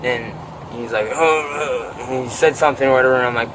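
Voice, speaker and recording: A man of middle pitch tells his side of a fight to a deputy, swearing constantly and clearing his throat as he rambles. He is caught outdoors on a body camera mic, with steady noise hissing under his voice. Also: a little fast. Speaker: witness interviewed by deputy. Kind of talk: bodycam interview, agitated retelling. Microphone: officer's body camera. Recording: noisy outdoor bodycam audio.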